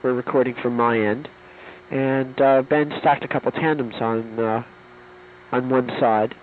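A man's voice: medium pitch, fairly even intonation, unhurried, a little hiss or hum. A man chatting casually on a phone call, heard from an old worn cassette tape, describing the setup offhand with fillers.

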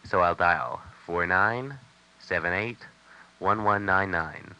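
A man's voice: low voice, slow, bright, forceful tone. A man on an old 1970s tape recording, methodically narrating a telephone call demonstration and reading out the digits step by step.

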